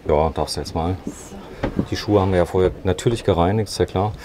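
A man's voice: low voice, fast, noisy background. A man hosting a walkthrough interview, upbeat and summing up features with questions, inside a camper van at a trade fair. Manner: upbeat, asks questions and sums things up. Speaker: interviewer and show host.

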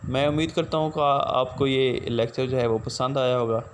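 A man giving a slow pronunciation lesson, repeating each word twice. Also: mid-range voice, slight background noise. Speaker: teacher.

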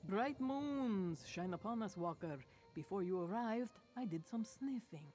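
A woman playing a calm, sly cat-creature scout in a fantasy game, speaking in measured, formal phrases. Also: medium pitch, music in the background, lightly acted. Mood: calm, scheming. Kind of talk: scripted fantasy game dialogue.

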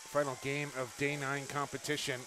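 A man giving live lacrosse play-by-play, brisk and rising to excited calls on goals. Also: mid-range voice. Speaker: play-by-play commentator. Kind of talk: live sports commentary. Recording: noisy outdoor ambience behind the mic.

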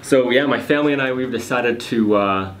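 A man in his thirties, a real estate investor appearing as a guest, is interviewed in an office meeting room and talks casually and briskly with many fillers and restarts. His voice is medium-pitched, and the echoey room carries faint noise.

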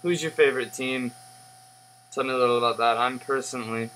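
A young man giving a casual, rambling review in a halting way that trails off, recorded on a webcam in a living room. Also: mid-range voice, fairly even intonation, a bit bright. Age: young adult. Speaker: pipe tobacco reviewer. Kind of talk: casual unscripted review chat. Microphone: webcam at desk distance. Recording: humming, noisy webcam audio.

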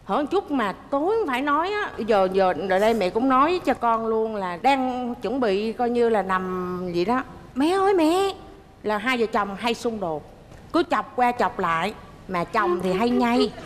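A middle-aged woman appears as a mother-in-law on a talk show. She retells family moments in a lively way, laughing and acting out what others said. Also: a little high, moderate pace, in a large hall. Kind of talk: casual storytelling on a TV talk show.

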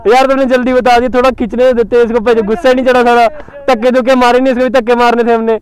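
A man calming two arguing friends outdoors, soothing and repeating himself. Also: very high voice, fast talker. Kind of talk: calming friends in a staged prank. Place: outdoors by a road.

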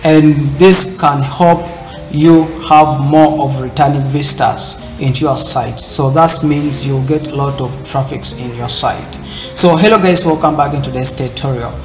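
A man with a slightly high, fairly even voice speaks at an unhurried pace in a roomy-sounding space, with faint music behind him. He hosts a screen-recorded tech tutorial, visible in a corner webcam in an indoor room, and walks through the steps in loose, repetitive phrasing full of fillers.

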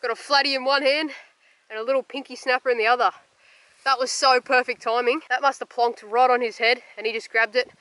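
An Australian man talks to camera while he fishes outdoors by a sand flat. He is chatty and upbeat in a casual way, and he walks through his knots, leader and tactics like a friendly guide. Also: very high voice, fairly quick, smooth, no room sound. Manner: upbeat and chatty, explains tackle and tips as he goes. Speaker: fishing vlogger. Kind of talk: casual to-camera fishing commentary.

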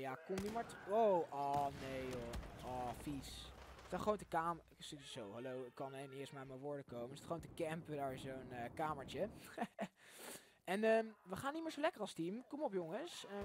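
A young man casually commenting on his own shooter gameplay, chatty and excitable, blurting out English exclamations when surprised. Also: a little high, background noise. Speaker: gaming channel host. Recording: game gunfire loud behind voice.

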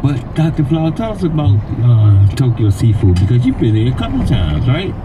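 Middle-aged male cab-driving host, animated delivery, in-car road noise. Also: medium pitch, brisk. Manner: lively, emphatic, addresses listeners as folks. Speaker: radio host and cab driver. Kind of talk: casual radio chat. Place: inside a moving car. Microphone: dashboard camera.

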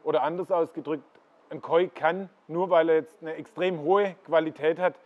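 A man's voice: fairly high pitch, steady tone, moderate pace. A middle-aged man with a slightly raised voice talks his way through a greenhouse full of koi ponds. He keeps steering the listener toward one fish after another and explains what makes each one good. The sound is a bit dull and lo-fi. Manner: explanatory, pointing viewers to fish. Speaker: koi dealer giving a farm tour. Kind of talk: walking tour commentary.

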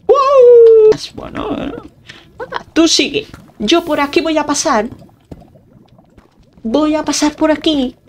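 Playful Spanish woman gaming host, unhurried. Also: high voice, slight background noise. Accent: Spain Spanish. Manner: playful, chatty, talks to viewers while playing, mutters sound effects. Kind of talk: casual gameplay commentary.

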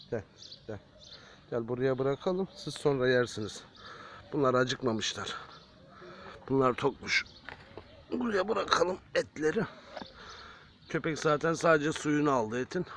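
A man filming a vlog outdoors, talking to his viewers and softly calling stray cats and dogs over. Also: medium pitch. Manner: coaxing animals with soft repeated calls. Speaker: vlogger feeding stray animals. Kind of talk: casual vlog talk to viewers. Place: outdoors by a building. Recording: faint outdoor noise. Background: faint outdoor ambience with animals and birds.

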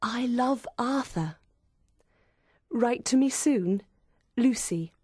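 A woman's voice: a little high, lively intonation, extremely slow, a little mellow, husky, no echo, clean studio sound, exaggerated voice. A woman voicing a young woman who reads out confiding, gushing letters to her friend.

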